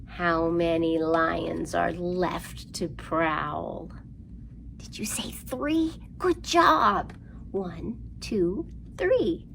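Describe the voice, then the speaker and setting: This storytime presenter speaks to young children with sing-song animation, coaxing them through rhymes and counts. Her voice is fairly low and creaky, her pace extremely slow, and a little background noise can be heard.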